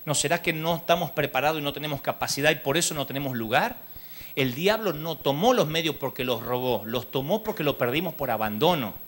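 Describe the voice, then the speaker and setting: A man's voice: fairly high pitch, brisk. A man with a Rioplatense Spanish accent preaching a humorous sermon at a live church conference, telling stories and acting out the dialogue. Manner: animated storytelling, acts out dialogue.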